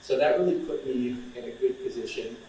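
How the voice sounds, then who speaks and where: A man's voice: medium pitch, brisk, slight background noise. Young man, casual talk to students, chatty, fillers, very echoey hall, distant mic. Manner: relaxed and chatty, many fillers and restarts. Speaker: outreach coordinator speaking to students.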